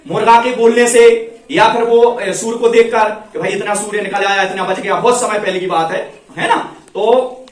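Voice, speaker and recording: A man's voice: high voice, fairly even intonation, far from the mic. Man teaching in a very echoey classroom. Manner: asks pupils questions and repeats key words for call-and-response; repeats English phrases slowly. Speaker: schoolteacher. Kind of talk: classroom moral lesson. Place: classroom, indoors.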